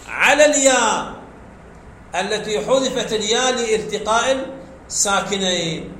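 A grammar teacher with a high, slightly bright voice leads a classroom lecture, explaining each step and answering his own quiz questions. The echoey room carries a faint background noise.

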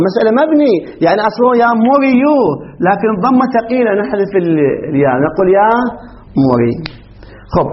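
Guy teaching grammar fast, quizzing the class, kinda muffled recording. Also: sits high. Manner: quick, questioning the class, laughs often. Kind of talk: Arabic grammar lesson.

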